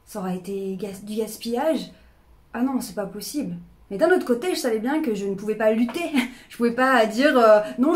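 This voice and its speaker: A woman in her thirties speaking candidly to camera, with fillers and restarts, about her own life. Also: a little high. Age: 30s. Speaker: personal development YouTuber. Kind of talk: casual talk to camera.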